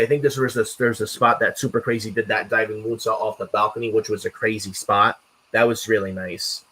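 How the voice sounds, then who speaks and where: A man's voice: fairly low pitch, pushed and bright, low-quality recording. A young man co-hosting a podcast, recapping wrestling in a rambling casual chat full of fillers and restarts. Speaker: podcast co-host.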